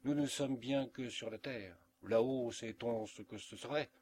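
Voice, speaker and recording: A man's voice: medium pitch, measured pace, darkish tone, a little hiss or hum, natural voice. A man voicing an anxious, nervous mother in a read-aloud story, with tense and agitated speech. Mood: soothing.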